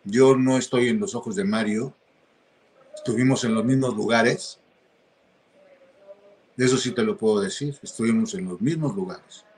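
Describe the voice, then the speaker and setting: Guy being interviewed, kinda low voice, stops and restarts a lot. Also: a little mellow, a little hiss or hum. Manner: hesitant, halting, with many restarts. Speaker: interview guest.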